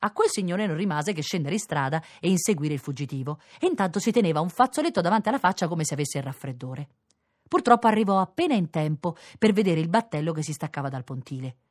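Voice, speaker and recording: A woman reading a children's fairy tale for radio, with playful, expressive narration. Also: low voice, quick pace, no echo, clean studio sound. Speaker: reader.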